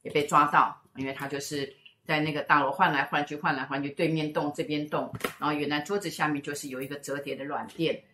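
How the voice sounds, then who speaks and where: A middle-aged woman tells a story in a relaxed, casual chat. Her voice sits low for a woman, and she rambles with fillers and repeated words. The recording has a noticeably roomy echo. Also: quick pace. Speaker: co-host and spiritual teacher.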